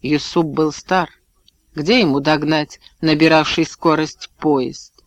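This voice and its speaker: Brief: male audiobook narrator, slightly high, steady, dry booth sound. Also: takes it slowly, dry recording. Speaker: audiobook reader. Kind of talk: scripted narration.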